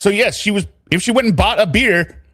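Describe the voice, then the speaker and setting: A man's voice: high-pitched, brisk, a bit bright, no room sound. A man giving casual, blunt trial commentary with sarcastic jokes.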